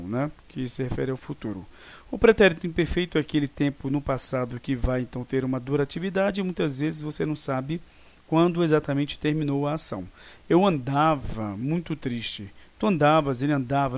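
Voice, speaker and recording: Man, Brazilian Portuguese accent, fairly high voice, patient teacher, frequent check-ins. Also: darkish tone. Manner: explains patiently, checks in with "tá?" and "tá bom?". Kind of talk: online grammar lesson.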